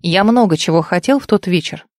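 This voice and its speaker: A woman's voice: fairly low pitch, expressive, fairly quick, darkish tone, no room sound, lightly acted. A woman voicing a cold, sarcastic wealthy young man who speaks in a dry, mocking way in an audiobook. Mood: menacing.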